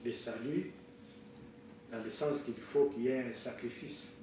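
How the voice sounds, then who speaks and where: A man in his sixties preaching a sermon, halting with fillers and restarts. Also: mid-range voice, mellow, slight background noise. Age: 60s. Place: church hall. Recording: echoey room, picked up from far off.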